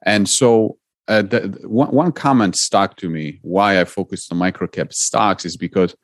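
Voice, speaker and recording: In clean, dry studio sound, a middle-aged Polish podcast guest answers interview questions about how he came to investing. He speaks low and at a moderate pace, sincere and explanatory, with some repeated starts.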